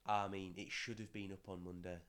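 A young man hosts a casual podcast, rambling and doubling back on his own words, with offhand swearing. His voice sits on the lower side. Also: little pitch movement, a little fast, a loud crowd. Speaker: podcast host.

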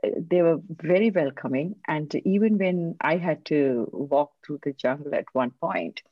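A woman from Sri Lanka, a guest on a podcast, telling her story in a soft-spoken, reflective, measured way. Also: deep voice, no echo, dull audio. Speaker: guest, leadership coach. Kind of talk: interview answers, personal story.

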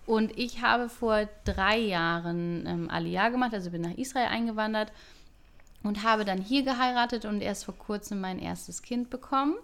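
Lively German woman podcast co-host. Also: mid-range voice, moderate pace, creaky. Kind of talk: casual podcast chat.

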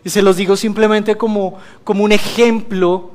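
A man's voice: high voice, little pitch movement, moderate pace. A man giving a church testimony, telling a story with humor and preaching to the congregation. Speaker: guest speaker giving a testimony.

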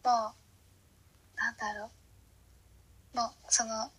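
Late-teen woman, bright, husky, unhurried, hesitant casual chat. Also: fairly high pitch, level tone, poor audio. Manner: hesitant, searching for words. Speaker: guest looking back on high school.

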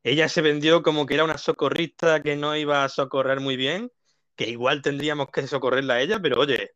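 A man's voice: fairly high pitch, fairly even intonation, a little fast, a bit bright, no room sound, lo-fi sound. A man chatting casually as co-host of a show. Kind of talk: casual chat.

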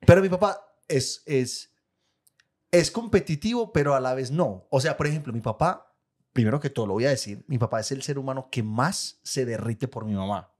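A young Colombian man with a Paisa accent, co-hosting a podcast, telling family stories in a lively way and laughing as he talks. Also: medium pitch, normal speed. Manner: animated storyteller, laughs while telling. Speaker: podcast co-host. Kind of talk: casual chat.

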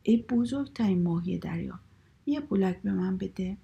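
A woman voicing a small, clever, cheeky male rabbit in a children's story, pleading and singing flattery. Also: mid-range voice, vocal fry, breathy edge, highs cut off, full character voice. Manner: pleading, then sings flattery to a drum.

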